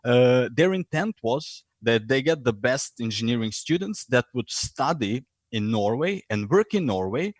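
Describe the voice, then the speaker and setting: A man with a Croatian accent talks as a podcast guest, stopping often with fillers and restarting his sentences. His voice sits at a middling pitch, and the recording is close and dry with no room sound. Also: expressive, a little slow, hardly any pauses, no echo. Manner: hesitant, many fillers and restarts, acts out voices in stories. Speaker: podcast guest, lean and innovation consultant. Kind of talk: conversational interview.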